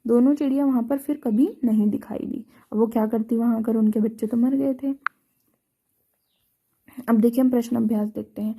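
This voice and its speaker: A woman teacher with a Hindi accent goes through a textbook chapter line by line. Her voice sits a little high but is very dark and mellow. She pauses, restarts and checks in with the class as she explains. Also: steady tone, slight background noise. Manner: retells each line then explains it, many restarts and "ठीक है". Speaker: school teacher.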